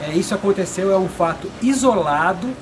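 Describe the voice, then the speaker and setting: A man's voice: high voice, lively intonation, fairly quick. Male local reporter, 40s, São Paulo accent, chatty, leading questions, noisy street sound. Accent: Brazilian Portuguese, São Paulo. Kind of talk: street interview. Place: outdoors beside a restaurant. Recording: noisy outdoor field recording.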